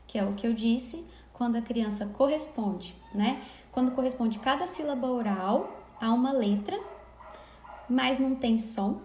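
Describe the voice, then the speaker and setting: A woman teaching literacy in a live online lesson, explaining patiently and sounding words out slowly syllable by syllable. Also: a little high, a little mellow. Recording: echoey room.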